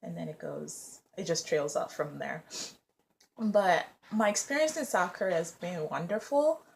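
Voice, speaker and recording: A woman's voice: fairly low pitch, animated, unhurried, creaky. A young woman in her twenties, raised in the US, chatting casually and rambling with lots of fillers. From Nigeria, raised in the US. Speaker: vlogger and English teacher. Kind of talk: casual vlog chat.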